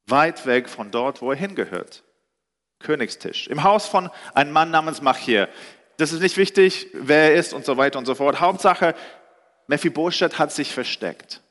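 A male preacher retells a scripture story, animated and expressive, often speeding up or slowing down. His voice sits slightly high. A long hall reverb trails behind it. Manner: storytelling, animated, with shifting pitch and pace.

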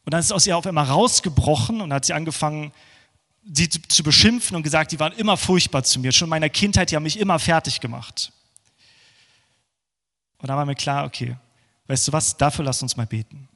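A man preaching a sermon, moving between fervent passages and hushed, prayerful ones. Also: a little high, brisk. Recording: long hall reverb.

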